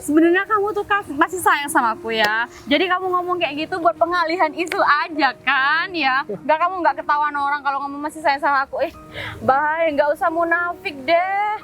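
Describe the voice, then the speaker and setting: Wanita memerankan mantan sombong yang sinis. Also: female voice, high voice, a little fast, sharp tone, soft background music, low-quality recording. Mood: scornful. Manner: sneering, scolding, dismissive. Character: arrogant snobbish young woman, scornful ex-girlfriend. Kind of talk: web drama acting. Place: outdoors in a public place.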